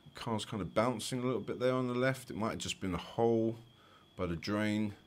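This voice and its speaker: A driving instructor with a London accent provides chatty, explanatory commentary over driving test footage, adding light jokes. His voice sits on the low side, with a steady tone and a slightly fast pace.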